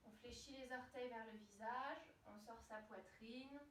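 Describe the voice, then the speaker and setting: Female yoga instructor, soothing and unhurried, measured cues for a gentle class, recorded at a distance in an echoing room. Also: a little high, slight background noise. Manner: soothing, measured step-by-step cueing. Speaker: yoga teacher. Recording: roomy echo, distant from mic.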